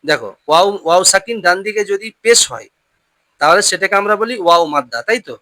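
A Quran reading teacher giving a patient lesson, drilling pronunciation call-and-response, often repeating questions and slowing down to model each word. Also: mid-range voice, big pitch swings, pushed and bright, no room sound.

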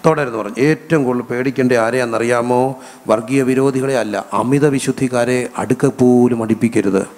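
A man's voice: medium pitch, steady tone, moderate pace, darkish tone, in a large hall. A man with a Malayali accent preaching a sermon as pastor, asking his congregation questions and answering them himself, stretching out key words. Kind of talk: sermon with call-and-response questions. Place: church hall.

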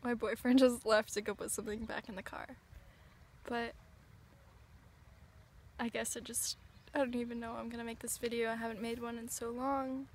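Girl in her 20s tripping on shrooms, earnest halting vlog talk, kinda even tone, bit of outdoor noise. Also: on the high side. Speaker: vlogger. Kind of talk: reflective personal vlog to camera. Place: outdoors on a sandy riverbank. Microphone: camera or phone at arm's length. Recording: outdoor ambient noise, handheld camera.

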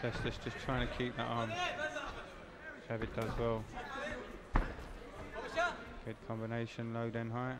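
A man's voice: mid-range voice, monotone, a little slow, long pauses. A man giving live MMA fight commentary in clipped, present-tense phrases. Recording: loud venue crowd noise behind. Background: loud crowd.

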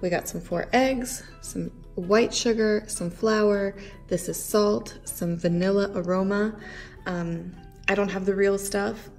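A woman's voice: mid-range voice, fairly even intonation, slow, a little mellow, faint music behind. A woman in her thirties chatting casually through a home baking demo in her kitchen, rambling with lots of fillers.

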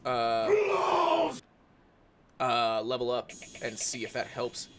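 A man's voice: mid-range voice, little pitch movement, takes it slowly, a bit bright. A man giving casual commentary while playing a game, yelping and swearing each time he gets hit. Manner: swears and yelps when hit. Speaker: let's play gamer. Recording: game music behind voice. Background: game music.

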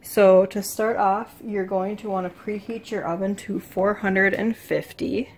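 A young cooking vlogger chats casually while cooking in her home kitchen, filming a cook-along vlog on a phone held at arm's length. Her medium-pitched voice is steady and measured, though she rambles with many fillers, and there is a little hiss or hum.

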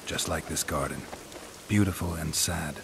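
A world-weary male monster hunter speaks video game dramatic dialogue in an extremely deep, gruff voice. His terse, deadpan delivery comes at a moderate pace with a dry, brooding mood, while rain and ambient noise run clearly underneath.

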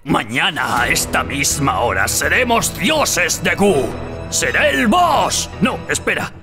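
A man's voice: a little high, very animated, slow, exaggerated voice. A man voicing a pompous, scheming scorpion gang boss in a cartoon, as a gloating mustache-twirling villain. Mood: gloating, grandiose. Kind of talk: animated cartoon dub acting. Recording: loud music behind the voice.

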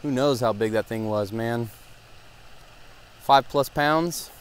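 A young man gives excited, casual running commentary to viewers while fishing from a pond bank, recorded on a head-mounted action camera outdoors. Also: medium pitch, takes it slowly, clean tone. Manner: excitable, talks to viewers as guys. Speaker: fishing vlogger.

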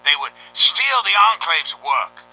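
An actor playing a grandiose, fatherly president giving a solemn, dramatic radio address in a game, with emphatic pauses. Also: on the high side, very animated, bright, forceful tone, breathy edge, soft background music, heavily acted, rough recording. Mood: indignant. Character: grandiose fatherly computer president rallying a nation to war.

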